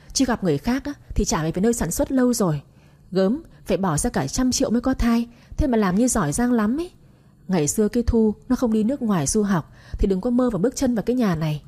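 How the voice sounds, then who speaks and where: A sharp-tongued middle-aged sister-in-law, put on by a woman narrator jabs and mocks in quick bursts that jump up high. Her voice is husky and mellow under the taunts. It is an audio storybook reading. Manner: mocking, scolding, quick jabs.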